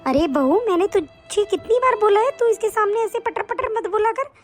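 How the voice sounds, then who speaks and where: Woman putting on a bossy older mother-in-law, dismissive, a bit lower but still pretty high. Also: expressive, moderate pace, soft background music. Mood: scolding. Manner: dismissive, scolding. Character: older mother-in-law, indulgent of her son, scolding. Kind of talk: animated story voice acting.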